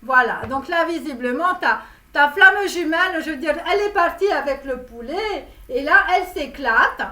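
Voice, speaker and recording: A woman's voice: sits high, lively intonation, normal speed, bright, forceful tone, distant mic. A woman voicing a brash Romanian-American guru coach with a put-on Romanian accent, who talks in a rambling, theatrical way during a comic tarot reading. She is recorded in a roomy space away from the mic. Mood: over-the-top. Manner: rambling, theatrical, self-promoting. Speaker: tarot reader and love coach.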